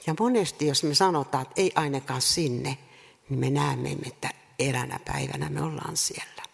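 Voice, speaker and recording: A woman preaching a sermon earnestly, repeating rhetorical questions and pausing between phrases. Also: a bass voice, creaky, breathy edge. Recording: reverberant hall sound.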